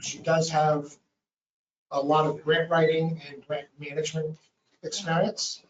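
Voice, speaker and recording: A man's voice: on the high side, level tone, a little slow. A man with a Boston accent, a development authority director, politely presenting a hiring request to commissioners. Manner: polite, formal. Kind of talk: presenting a request at a public meeting. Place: county meeting room. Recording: distant, echoey, dull audio with faint noise.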